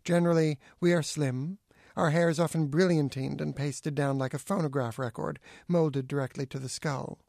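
A middle-aged man reading his own essay aloud with acerbic, deadpan wit. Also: a little high, moderate pace, gravelly, dry recording, clean studio sound. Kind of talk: dry witty essay reading.

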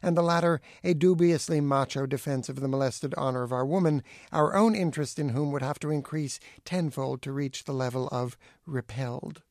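A middle-aged man reading his own essay aloud with acerbic, deadpan wit. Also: medium pitch, moderate pace, few pauses, no echo, studio quality. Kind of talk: dry witty essay reading.

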